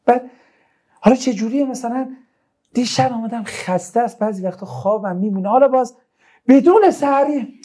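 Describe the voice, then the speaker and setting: A man's voice: extremely high pitch, fairly even intonation, warm tone. A man giving an informal religious talk full of stories, chatting and joking with his listeners in between. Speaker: religious speaker.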